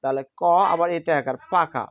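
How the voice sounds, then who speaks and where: A man's voice: mid-range voice, brisk, fairly bright tone. A man teaching a spoken lesson, patiently asking questions and answering them himself. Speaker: English teacher.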